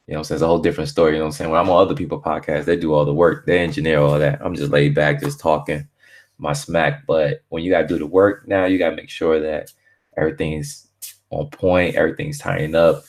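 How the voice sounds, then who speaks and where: Laid-back guy from barbados rambling on a home live stream, real low voice, lots of slang n filler. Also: level tone, fast talker.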